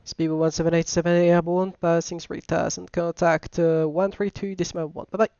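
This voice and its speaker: A man's voice: fairly high pitch, flat delivery, fairly quick, vocal fry, darkish tone, clean tone, dry recording, highs cut off. A man with a French accent, French his first language, making hesitant English radio calls and cockpit callouts over a pilot headset as a flight simulator pilot.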